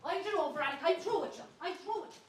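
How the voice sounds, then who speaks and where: Woman doing a camp shrill panto landlady, bossy n man mad, high voice, echoey far away stage recording. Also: rapid-fire. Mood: indignant. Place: community centre stage. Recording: echoey hall from far off, faint noise.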